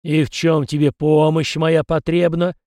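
A man voicing an ancient male ancestor spirit, a disembodied voice that speaks in slow, weighty pronouncements. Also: a little high, darkish tone, no room sound, clean studio sound. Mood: solemn.

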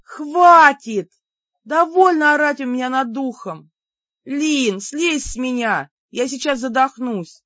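A woman voicing an exasperated young heroine with a high, shrill, pleading voice. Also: lively intonation, normal speed, a bit bright, dry recording. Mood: furious. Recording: dull lo-fi dry recording.

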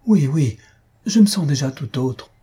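A man reading a bedridden young man in love, eager and pleading, his voice pitched up and husky. The tone is dark and mellow, with a breathy, rough edge. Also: animated, unhurried, exaggerated voice.

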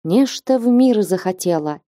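A woman reading an audiobook and voicing an elderly abbess who speaks in a slow, grave, measured way. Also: medium pitch, expressive, mellow, no room sound, clean studio sound, pitched above the performer's own voice, lightly acted. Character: stern but loving elderly abbess.

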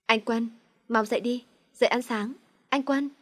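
A woman's voice: fairly high pitch, steady tone, normal speed, fairly bright tone, dry recording. A woman reading a storybook, voicing a young mother who pleads through her tears. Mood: resolute.

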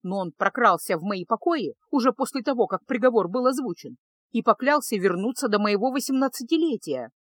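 A woman narrating a fantasy audiobook in an even, measured reading. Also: a little high, no echo. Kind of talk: scripted narration.

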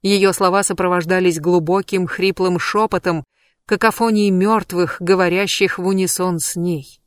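A woman reading a fantasy story as narrator in a measured, dramatic way. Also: fairly low pitch, steady tone, no echo. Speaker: audiobook narrator. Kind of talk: scripted narration.

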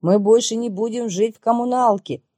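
A woman reading as an excited man. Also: on the high side, normal speed, no room sound, pitched above the performer's own voice, natural voice. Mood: jubilant. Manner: emotional, exclaiming. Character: excited man, a reformed businessman.

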